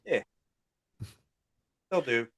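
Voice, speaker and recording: A man co-hosting a movie podcast, relaxed and agreeable in casual chat and the show outro. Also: extremely slow. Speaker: podcast co-host.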